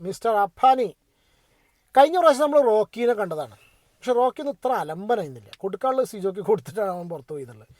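A man's voice: high voice, a little mellow, dry recording. A man giving casual, opinionated commentary on a reality show, chatting straight to his viewers and asking what they think. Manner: chatty, addresses viewers directly, asks for their opinion.

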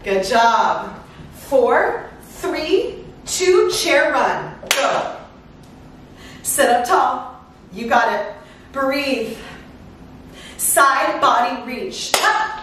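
A middle-aged woman coaching a workout as an energetic, encouraging aerobics instructor, exerting herself as she calls out cues and countdowns. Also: high voice, extremely slow, long pauses. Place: living room at home, indoors. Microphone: far camera. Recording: echoey room, far microphone, faint noise.

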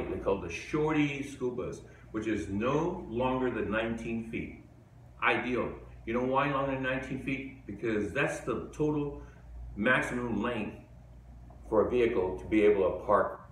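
A man hosting a live comedy show in a rambling, digressive stand-up monologue with sudden high outbursts. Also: a bit bright, a little hiss or hum. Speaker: comedian host. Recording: echoey room from far off.

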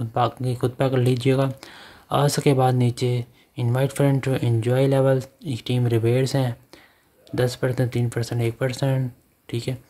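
This online earning channel host, a man with a mellow mid-range voice, gives an instructional voice-over for a phone screen recording. He guides viewers through the app and repeats each step.

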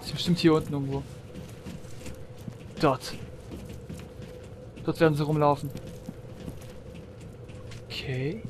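A man's voice: a little high, fairly even intonation, slow, long pauses, background noise. A man giving chatty commentary while playing a shooter game, humming and chanting while he shoots and exclaiming often. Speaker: let's player. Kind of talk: gameplay commentary.

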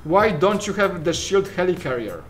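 A Polish man in his thirties, speaking with a Polish accent, co-hosts a casual Q&A in a large studio room lined with shelves. His voice is high and sing-song at a moderate pace, with faint music in the background. He jokes while answering viewer questions and sometimes trails off mid-sentence.

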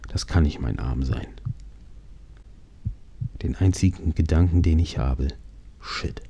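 A man in his thirties narrating his own accident in the first person, halting and dramatic, slipping into hushed whispers. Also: extremely low pitch, creaky, dull audio, slight background noise.

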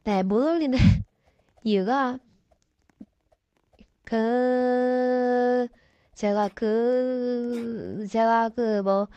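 A woman with a sore throat from a cold, speaking through a voice changer in halting, flustered, casual game commentary. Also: fairly high pitch, dark tone, no room sound. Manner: halting, easily flustered, apologetic. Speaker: gaming YouTuber. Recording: dull, lo-fi, dry sound.

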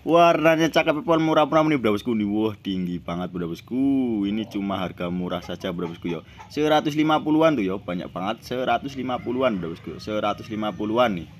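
A man sells plants in a casual pitch. He keeps up a repetitive patter, circling back over names and prices as he presents his stock. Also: expressive, fast talker, hardly any pauses, slight background noise. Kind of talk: casual live-style sales pitch.

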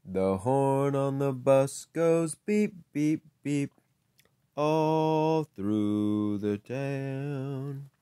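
A reader doing a slow sing-along read-aloud of a picture book, drawing out the line endings in a sing-song way. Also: mid-range voice, animated, mellow, clear, resonant tone, no echo, clean studio sound. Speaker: storybook reader.

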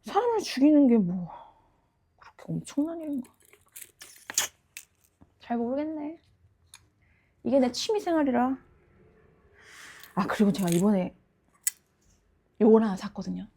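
A woman's voice: a little high, very animated, unhurried, pauses often, mellow, slight background noise. An actress playing a playful, unhinged female psychopath in a dramatic monologue, mock-polite and giggly as she menaces and taunts her captive. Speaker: actor performing a monologue.

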